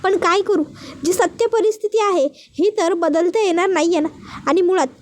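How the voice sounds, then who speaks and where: A woman's voice: very high voice, normal speed. A woman reading a blunt, insistent young sister-in-law. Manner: earnest, pleading, plain reading voice.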